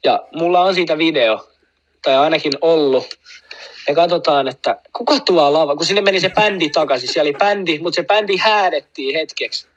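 Guy telling a rambly story, lots of fillers, bit higher voice, dull lo-fi sound. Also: fairly bright tone. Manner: rambling, full of fillers, laughs at own story. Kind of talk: casual anecdote.

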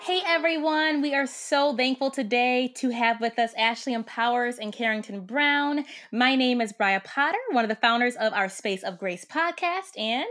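A woman co-hosting a faith podcast, enthusiastic and quick to laugh as she interviews guests. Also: fairly high pitch, fairly bright tone, faint music behind. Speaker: podcast co-host.

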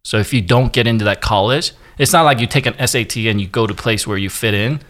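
A man's voice: lowish voice, fast talker, fairly bright tone. A man in his forties from South Korea, a guest telling his story candidly in a casual interview. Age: 40s.

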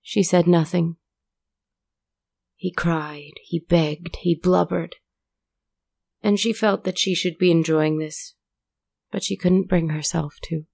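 Slow, gravelly woman narrator. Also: on the low side, fairly even intonation, darkish tone, no room sound. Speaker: storyteller. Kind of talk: scripted story narration.

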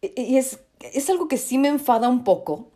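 A young woman with a Mexican Spanish accent rants as a podcast host, her pitch leaping up in indignation and dropping into mumbled asides. She swears freely, with a slightly high voice. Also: moderate pace. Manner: animated, swearing, swinging between indignant outbursts and muttered asides. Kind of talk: casual ranting commentary.

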